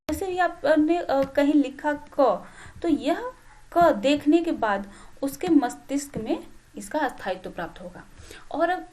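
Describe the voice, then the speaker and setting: A woman lecturing teacher trainees, explaining step by step with frequent "ठीक" check-ins and filler pauses. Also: sits high, a little mellow. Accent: Hindi. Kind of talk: classroom lecture.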